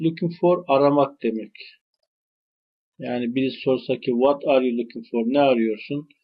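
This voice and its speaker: A man with a Turkish accent teaching English phrases, saying each one slowly and carefully before explaining it. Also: medium pitch, husky. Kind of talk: language lesson. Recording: dull lo-fi recording.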